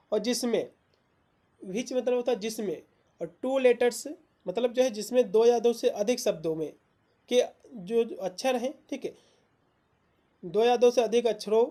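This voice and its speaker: A woman teacher giving an exam-prep lecture, explaining in Hindi with fillers and reading English definitions slowly word by word. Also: medium pitch, mellow.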